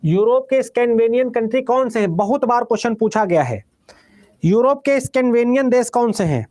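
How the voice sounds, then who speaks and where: A man with a Bihari Hindi accent teaching a geography class, repeating each item slowly for students to write down and calling them "beta". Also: extremely high pitch, expressive, darkish tone, no echo, studio quality.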